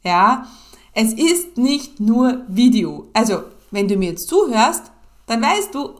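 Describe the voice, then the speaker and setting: A woman's voice: fairly high pitch, big pitch swings, slow pace. A middle-aged woman hosting her podcast alone at a home mic, talking casually with lots of fillers and "ja" tags. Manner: chatty, many fillers and "ja" tags. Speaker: podcast host and business coach. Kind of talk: casual solo podcast talk.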